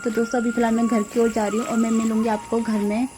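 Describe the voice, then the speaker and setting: A woman's voice: fairly high pitch, level tone, fast talker, music in the background. A woman vlogging on her phone camera, chatting casually and laughing as she retells a scare, first walking outside at night and then at home. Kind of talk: casual vlog chat.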